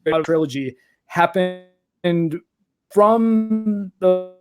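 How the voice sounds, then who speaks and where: A man's voice: high-pitched, very slow, music in the background. Man on a glitchy, robotic call line. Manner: conversational, thinking out loud. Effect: glitchy, robotic-sounding call connection. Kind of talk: casual chat. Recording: breaking-up internet call audio.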